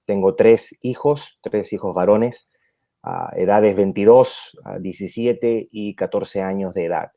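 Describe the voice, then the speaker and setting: Hesitant pastor, dark voice. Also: male voice, fairly low pitch, takes it slowly. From Peru. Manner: hesitant, many fillers and restarts. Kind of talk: radio interview conversation.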